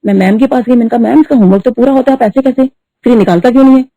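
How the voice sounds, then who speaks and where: A middle-aged woman telling a devotional story at a satsang, talking fast and mixing in English words. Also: on the high side, mellow, dry recording. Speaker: devotee sharing testimony. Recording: dull lo-fi dry recording.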